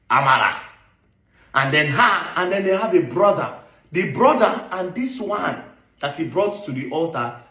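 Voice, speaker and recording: A man's voice: on the high side, fairly bright tone. A man with a Nigerian accent giving an impassioned, accusatory monologue, stressing points with rhetorical questions. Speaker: online commentator. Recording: echoey room.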